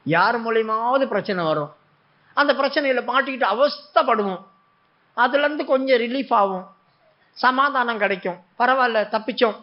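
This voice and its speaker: High pitched guy giving a sermon, acts out the prayers, dialect, muffled recording. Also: lively intonation, normal speed. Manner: dramatic, acts out prayers and God's replies. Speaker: preacher.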